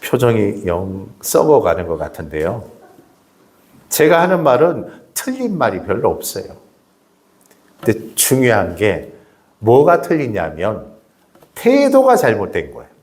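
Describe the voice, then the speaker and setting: A man's voice: fairly low pitch, huge pitch swings, measured pace, long pauses, a little mellow. A middle-aged man preaching a sermon in a church, keeping up rhetorical questions and calling out to members of the congregation. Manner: chats directly with the congregation. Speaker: pastor. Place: church sanctuary.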